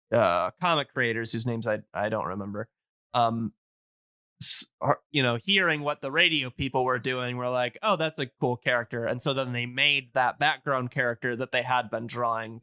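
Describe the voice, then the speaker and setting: Hosting a casual podcast, this man has a bright, smooth voice at medium pitch. He rambles enthusiastically with nerdy turns of phrase. No echo or room sound colors the very dry audio.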